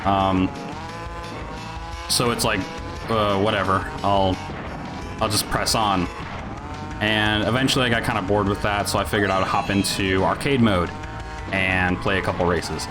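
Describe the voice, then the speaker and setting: A man's voice: on the low side, fairly even intonation, unhurried, long pauses. A man giving a casual, sweary gaming rant in a rambling, sardonic, grumpy-old-man grumble. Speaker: video game reviewer. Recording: music behind the voice. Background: music.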